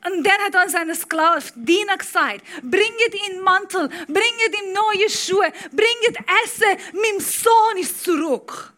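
A woman's voice: very high voice, animated, measured pace, hardly any pauses, pushed and bright, voice pushed up, exaggerated voice. A woman preacher voicing a joyful, loving father who exclaims tenderly in a sermon.

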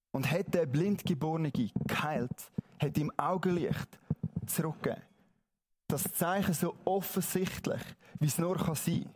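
High-voiced Swiss German preacher. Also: male voice, darkish tone, slightly rough. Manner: conversational, asks "oder?" often, dramatic slow readings. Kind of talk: sermon retelling a Bible story.

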